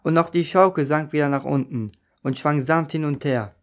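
A man's voice: fairly high pitch, normal speed. Man reading a children's story aloud. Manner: storytelling, narrating in the first person as a child. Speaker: narrator.

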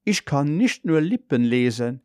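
A man voicing a polite, know-it-all robot car that speaks in an even, informative way. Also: fairly high pitch, unhurried, no echo, studio quality. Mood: lecturing. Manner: even, informative, slightly reproachful.

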